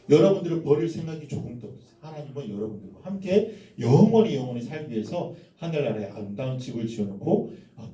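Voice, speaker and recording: A male pastor telling a children's sermon, animated and asking listeners questions. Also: medium pitch. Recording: echoey room, far from the mic.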